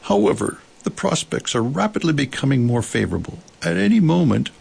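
A learned storybook owl, voiced by a man, pompous and grave. He speaks in ponderous, wordy phrases with a slightly creaky, husky edge. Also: medium pitch, sing-song, fairly quick, darkish tone, pitched above the performer's own voice, exaggerated voice. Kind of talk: storybook character voice.

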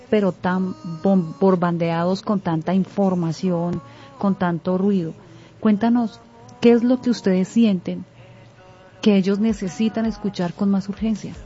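A woman, a radio journalist asking a guest questions in a warm, inquisitive manner. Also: mid-range voice, fairly even intonation, unhurried, faint music behind. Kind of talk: interview questions. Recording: dull lo-fi recording.

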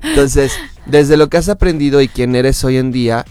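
A Mexican therapist talking as a guest in a casual chat, explaining calmly with examples and fillers. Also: male voice, mid-range voice, moderate pace, music in the background. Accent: Mexican Spanish.

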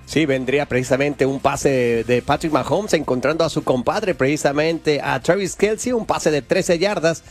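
A man's voice: a little high, moderate pace, few pauses, soft background music. A man working as a radio sports commentator, doing American football play-by-play and analysis.

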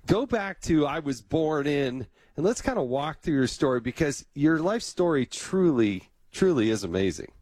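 A man's voice: fairly high pitch, very animated, normal speed, hardly any pauses, darkish tone, no room sound. A man hosting an interview, talking in a friendly conversational way and often restarting his phrases. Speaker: interview host.

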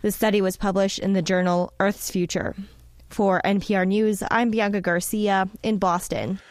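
A woman's voice: mid-range voice, little pitch movement, moderate pace, no room sound. Dry-recorded woman reporter. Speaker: news reporter. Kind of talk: scripted radio news report.

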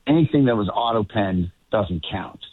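A man's voice: on the low side, expressive, moderate pace, no room sound. Middle-aged Boston man on a tinny line. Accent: Boston, fading. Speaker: Washington correspondent, guest caller. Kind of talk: casual radio chat. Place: remote link to a radio show. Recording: tinny, band-limited remote line.

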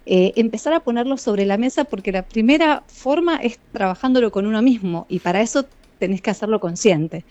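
An Argentine woman psychologist answering interview questions in a measured, explanatory way, often speaking straight to the listeners. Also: a little high, lively intonation, a little mellow, dull audio. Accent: Argentine Spanish. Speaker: psychologist and author, guest.

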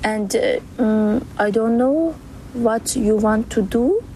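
A woman's voice: fairly high pitch, slow pace, warm tone, slight background noise, low-quality recording. A woman in her twenties from Afghanistan, telling her story in simple, hesitant English with fillers. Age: 20s. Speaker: refugee interviewee. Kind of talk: interview testimony.

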